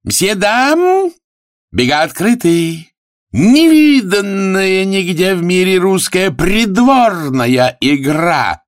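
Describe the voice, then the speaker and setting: A man's voice: high-pitched, a bit bright, no echo, clean studio sound, pitched above the performer's own voice, full character voice. A man voicing a showy male barker who announces cockroach races with grand cries in several languages.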